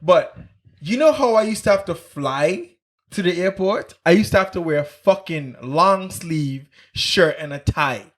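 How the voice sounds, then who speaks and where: Middle-aged man from Antigua, high pitch, animated podcast co-host who swears and cuts in. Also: measured pace. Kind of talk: casual chat.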